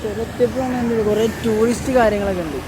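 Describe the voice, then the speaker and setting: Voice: medium pitch, rapid-fire. A travel vlogger with a Kerala accent chatting casually to viewers in Malayalam mixed with frequent English words. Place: outdoors on roadsides during a bike trip. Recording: loud outdoor traffic and vehicle noise.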